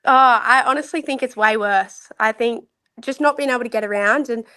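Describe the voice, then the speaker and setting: A young woman who plays rugby league chats as a podcast guest in a casual interview, open, easygoing, and candid. Her voice sits on the high side, brisk with a sharp tone.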